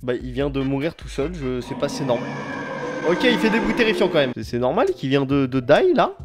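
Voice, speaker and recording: Man, gaming video host, rapid excited commentary, slangy, jumpy, yelps at scares. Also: medium pitch, over music. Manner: jumpy, shouts and laughs at scares; slangy and talks straight to viewers. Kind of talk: excited let's-play commentary.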